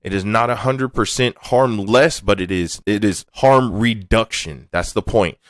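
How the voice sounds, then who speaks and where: A man's voice: on the low side, unhurried, dry recording. A man hosting a podcast, talking alone in a candid, laid-back way and swearing casually. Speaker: podcast host. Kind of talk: casual monologue.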